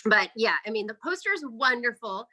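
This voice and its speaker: With a slightly high voice that swings widely in pitch, this woman speaks a little fast in a bright, forceful tone. She's the guest in a casual, promotional interview, eagerly chatting about her indie work in horror filmmaking and podcasting.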